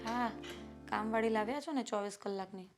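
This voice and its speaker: An actress playing a patient, worried wife and elder sister-in-law who reasons calmly about family troubles. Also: female voice, fairly high pitch, brisk, over music, lightly acted. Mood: arguing. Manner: calm, reasoning, then pushing back. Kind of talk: family drama acting.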